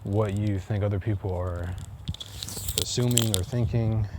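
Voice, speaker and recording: A man's voice: on the low side, steady tone, a little slow. A man vlogging outdoors on a walk, talking in a rambling, hesitant way full of fillers and restarts. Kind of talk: casual chat while walking. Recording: loud wind noise on the mic.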